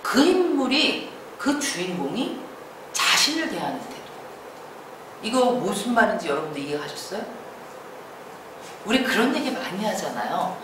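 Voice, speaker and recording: A woman giving a lively creative-writing lecture, acting out quoted lines and laughing often. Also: mid-range voice, normal speed, pauses often. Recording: echoey room from far off, faint noise.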